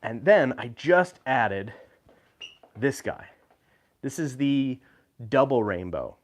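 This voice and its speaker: A man's voice: mid-range voice, very animated, takes it slowly. A man hosting a live video, talking casually about his gear, with frequent fillers and restarts. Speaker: host. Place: indoor room with lights.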